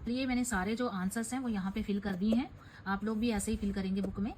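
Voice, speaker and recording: A woman's voice: mid-range voice, steady tone, fast, a little mellow, a little hiss or hum, low-quality recording. A woman teacher reading out questions and answers for a class lesson, explaining step by step and correcting herself now and then.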